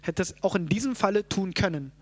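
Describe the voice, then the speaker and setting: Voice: mid-range voice, lively intonation, brisk. A Bible teacher explaining scripture to a group, often checking in with "ja?" and thinking aloud with fillers and restarts. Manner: checks in with listeners, frequent "ja?".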